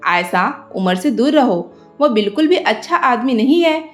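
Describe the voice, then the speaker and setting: A woman's voice: a little high, animated, a little slow, faint music behind. A woman voicing a wounded, proud young husband who speaks earnestly and sternly in a narrated story.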